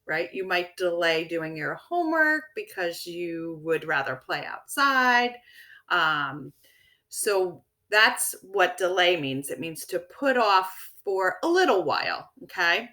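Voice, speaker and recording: Woman, teacher, children's vocabulary lesson, slow patient delivery, very expressive pitch, encouraging. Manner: slow, clear, encouraging teacher talk with checking questions. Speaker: elementary school teacher.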